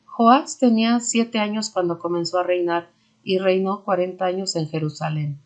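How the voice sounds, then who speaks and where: A woman reading scripture aloud in a steady, measured way. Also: on the low side. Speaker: Bible reader.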